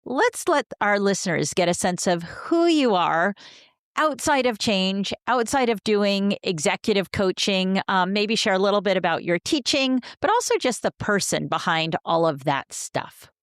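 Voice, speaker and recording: A podcast host and coach reads a scripted intro for her leadership podcast and chats with a guest over a video call from her home office, upbeat, enthusiastic and asking warm questions. Her mid-range voice has lively intonation at normal speed. The sound is studio quality with no room sound.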